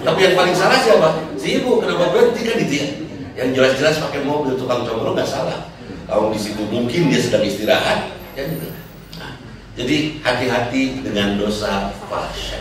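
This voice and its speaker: Joking preacher in an echoey hall. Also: male voice, lowish voice. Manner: joking storyteller, rhetorical questions. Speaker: Islamic preacher. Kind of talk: humorous sermon to a congregation. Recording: echoey hall, distant mic, crowd. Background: audience laughter.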